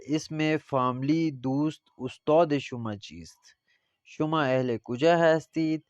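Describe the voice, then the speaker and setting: A male teacher with a Pakistani Urdu accent giving a Persian language lesson, reading phrases slowly and then explaining them. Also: medium pitch, a little mellow, no room sound. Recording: slightly dull lo-fi audio.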